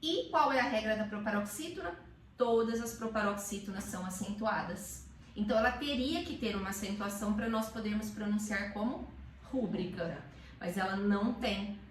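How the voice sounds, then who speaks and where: A woman teacher explaining in casual chat, animated and calling words out aloud to demonstrate. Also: mid-range voice, a little fast, reverberant, far from the mic, slight background noise.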